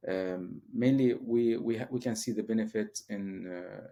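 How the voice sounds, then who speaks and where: A man's voice: lowish voice, measured pace, mellow. A man from Syria, a professor, answering interview questions hesitantly with many fillers and restarts. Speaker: guest, professor.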